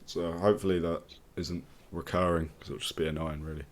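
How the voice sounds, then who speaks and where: A male host chats casually with his guest in a very low voice. He is relaxed and easygoing and agrees often. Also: a little fast. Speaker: interviewer, host. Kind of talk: casual interview chat.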